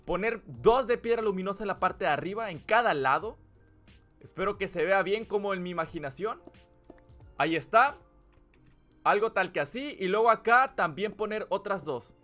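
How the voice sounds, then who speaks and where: Bright-voiced Mexican man narrating gameplay. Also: high-pitched. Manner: chatty, thinks aloud while building. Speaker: gaming channel host. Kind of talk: casual gameplay commentary.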